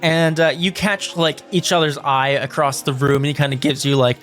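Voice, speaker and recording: Male game master, casual rambling narration, slightly high voice, soft music underneath. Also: steady tone, normal speed. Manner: rambling, lots of 'like' and 'um'.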